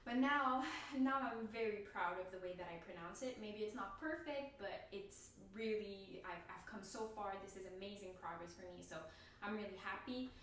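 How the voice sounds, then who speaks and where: A woman's voice: medium pitch, normal speed, heavy reverb, distant mic, slight background noise. A woman vlogger talking casually about learning to pronounce a language, laughing often and restarting her sentences; her first language is an Indo-European one. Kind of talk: casual talk to camera.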